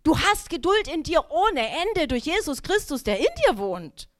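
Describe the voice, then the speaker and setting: A woman in her thirties giving a personal testimony in a sermon, telling her story in a lively way, acting out her own thoughts and talking straight to the listeners. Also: high voice, moderate pace. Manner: direct, addresses the listeners.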